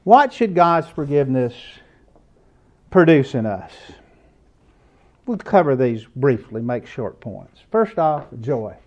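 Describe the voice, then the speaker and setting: A man's voice: mid-range voice, big pitch swings, slow pace, pauses often, darkish tone, dull audio. A middle-aged man preaching a sermon lesson, conversational and asking his listeners questions. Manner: conversational, asks the audience questions.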